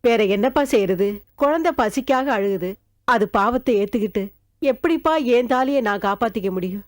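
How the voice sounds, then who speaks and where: An actress playing an anxious grandmother in a TV series, lamenting loudly over a hungry child, with music behind. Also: on the high side, expressive, moderate pace, no room sound, clean studio sound, lightly acted. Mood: distressed. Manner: emotional, lamenting.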